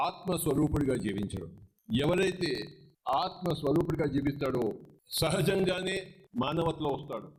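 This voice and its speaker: A man's voice: a little high, a little hiss or hum, low-quality recording. Emphatic man preaching. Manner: emphatic, preaching in short repeated phrases. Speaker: spiritual teacher. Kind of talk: spiritual sermon to a crowd.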